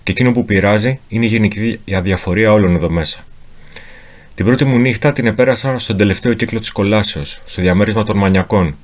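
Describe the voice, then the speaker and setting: A man giving a solemn, theatrical reading of a memoir as a dramatic literary reading. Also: fairly low pitch. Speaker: reader of a memoir.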